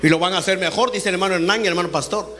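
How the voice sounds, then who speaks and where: High-voiced man preaching. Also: rapid-fire, heavy background noise. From Honduras. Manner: conversational, asks the congregation questions, laughs while talking. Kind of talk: sermon. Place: church service.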